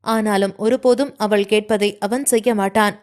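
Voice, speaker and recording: A woman's voice: mid-range voice, fairly even intonation, moderate pace, a little mellow. A woman reading a romantic audio story aloud with dramatic, emotive delivery. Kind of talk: scripted narration.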